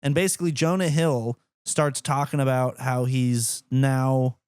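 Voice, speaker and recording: A man's voice: mid-range voice, steady tone, a little slow, a little mellow, smooth, no room sound, clean studio sound. A man co-hosting a podcast in casual, jokey chat, often mimicking people in a cocky voice. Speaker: podcast co-host.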